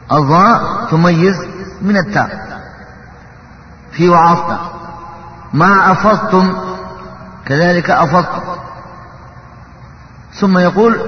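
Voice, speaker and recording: A man teaching Quran recitation, explaining how letters are articulated and slipping into slow chanted verses. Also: fairly high pitch, a little hiss or hum. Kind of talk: tajwid lesson. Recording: echoey hall, dull lo-fi sound.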